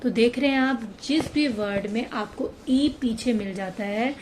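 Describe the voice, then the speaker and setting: A woman's voice: on the high side, measured pace, darkish tone, slight background noise. A woman explaining an English spelling lesson for children. She speaks patiently, repeating and stretching the example words.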